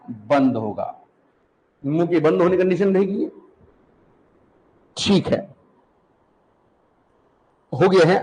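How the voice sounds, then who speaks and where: Slow, lively-pitched male teacher. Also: rough recording. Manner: repeats terms for students to copy, asks and answers questions, calls students 'beta'. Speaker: Hindi teacher. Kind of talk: classroom lecture.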